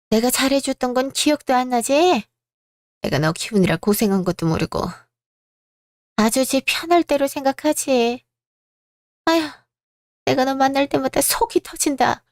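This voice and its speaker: Woman doing a shrill old mom, nags and scolds nonstop, radio drama vibe. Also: no echo, clean studio sound. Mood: scolding. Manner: scolding, nagging. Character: shrill elderly mother favoring her elder son.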